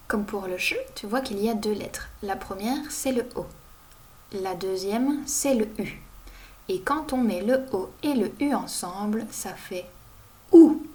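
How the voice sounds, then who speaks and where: A woman teaching young children to read, sounding out each word slowly and clearly. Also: mid-range voice, darkish tone. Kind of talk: reading lesson for young children.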